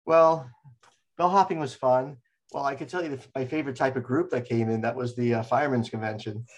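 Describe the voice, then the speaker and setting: A man's voice: mid-range voice, steady tone, fairly quick, darkish tone. An older man telling stories in an oral history interview, rambling with many restarts. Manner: rambling storyteller, frequent restarts.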